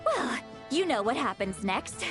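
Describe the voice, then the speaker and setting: A woman's voice: on the high side, very animated, measured pace. A woman playing a feisty, tipsy granny shaman in a video game, belligerent, proud and grumbling with a drunken slur. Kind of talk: animated video game acting. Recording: music behind the voice.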